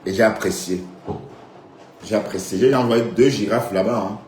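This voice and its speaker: Speaking at a normal speed, a man with a darkish voice on the low side offers casual, rambling live-stream remarks. He checks in with viewers through little asides full of "hein" and "d'accord". The room echoes and there is a little hiss or hum.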